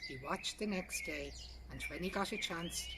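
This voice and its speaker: An Irish woman storyteller with a lowish voice narrates a traditional oral folk tale at a normal speed. The mic sits some distance away, picking up noisy birdsong and general ambient sound in the background.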